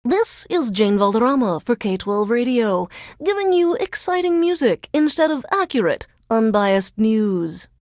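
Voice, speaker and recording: A woman speaks in a fairly high, sing-song voice, a little slow and a little mellow, with hardly any pauses, in a dry, studio-quality recording. She's an actress voicing a resentful female news reporter stuck working as a radio DJ in a video game, giving scripted DJ links in a formal, dramatic, sardonic newsreader style. The mood is theatrical and announcing.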